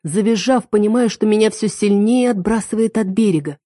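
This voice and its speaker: A woman narrating a first-person dark thriller novel with tense, dramatic delivery. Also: mid-range voice, brisk, no room sound, clean studio sound. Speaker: audiobook narrator.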